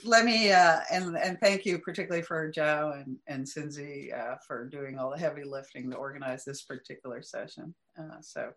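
A middle-aged woman speaks as an interview guest in a slightly low voice. She is chatty and easygoing, often laughing lightly and restarting her sentences. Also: moderate pace, hardly any pauses, a bit bright. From United States. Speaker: guest academic. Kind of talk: interview conversation.

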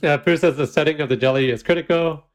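A man with a slightly high voice talks fast as a podcast co-host, recapping a baking show in casual chat. He giggles often and uses lots of fillers.

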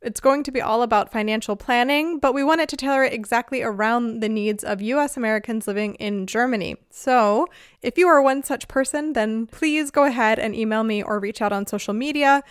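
A woman's voice: on the high side, a little fast, smooth, no room sound, studio quality. A woman hosting a podcast, talking in a chatty, upbeat way and laughing easily. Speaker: podcast host. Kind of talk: casual podcast talk. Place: lives in Germany.

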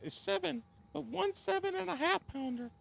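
A man voicing a female podcast guest, a folksy angler, in a cracking falsetto with a straight-faced delivery. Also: expressive, normal speed, vocal fry, a bit bright, full character voice. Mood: earnest. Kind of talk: mock interview answers.

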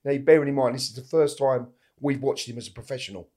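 A man's voice: medium pitch, quick pace, mellow. A middle-aged man with an Essex accent, chatting casually in a down-to-earth, emphatic way. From East London and Essex, England. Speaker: interview guest, a boxer's father. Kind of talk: casual chat.

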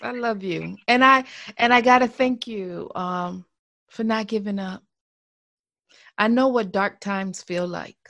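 A woman's voice: medium pitch, a little slow. Woman hosting a faith-based interview. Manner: warm affirming, many soft mm-hmms. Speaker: podcast host.

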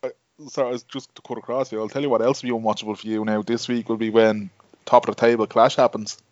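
A man's voice: mid-range voice, little pitch movement, quick pace, no echo, lo-fi sound. An Irish man co-hosting a podcast in casual, bantering, sweary chat. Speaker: podcast co-host.

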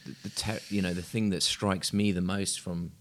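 Deep-voiced man asking gentle questions. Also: fairly even intonation, moderate pace, a little hiss or hum. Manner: gently probing, brief affirmations. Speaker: podcast co-host. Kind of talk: conversational podcast interviewing.

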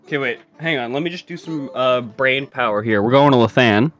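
A man playing in a tabletop game, excitable and joking, with frequent swearing. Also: mid-range voice, fairly quick, faint music behind. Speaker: player. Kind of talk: casual tabletop game chat. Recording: dull lo-fi audio.

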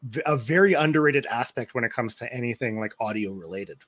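A man hosting a podcast interview, relaxed and a bit hesitant as he asks questions. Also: medium pitch, brisk, no echo. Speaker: podcast host. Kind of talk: casual interview chat.

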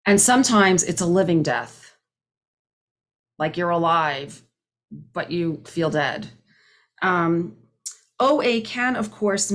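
A woman in her fifties giving a personal share at a recovery meeting, earnest and conversational, often restarting her sentences. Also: medium pitch. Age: 50s. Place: home, speaking on a video call. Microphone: video call microphone.

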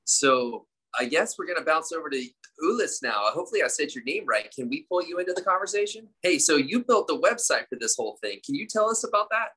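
A male host with a bright, forward tone and a husky edge to his voice. He asks questions in a relaxed, informal way over a video call. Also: a little high, quick pace, low-quality recording. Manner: friendly, informal questioning with fillers. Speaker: interview host. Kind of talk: casual interview.

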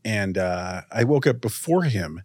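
Rambling male podcast co-host, animated storyteller, dry close mic. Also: on the low side, measured pace, slightly rough, no room sound. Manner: rambling, animated, acts out quotes. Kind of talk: casual storytelling chat.

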